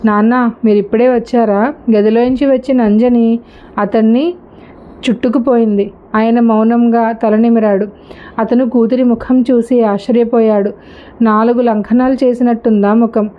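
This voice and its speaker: A woman's voice: on the high side, steady tone, normal speed. A woman narrating a story as a storyteller, reading steadily and evenly. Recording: slightly dull lo-fi recording.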